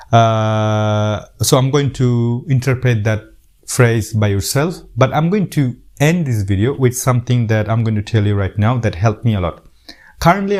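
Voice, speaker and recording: Earnest and casual, a middle-aged man from Bangladesh hosts a YouTube video of advice delivered straight to camera in a Bangladeshi accent. He tends to repeat words and restart sentences, and his voice is medium-pitched and a little mellow.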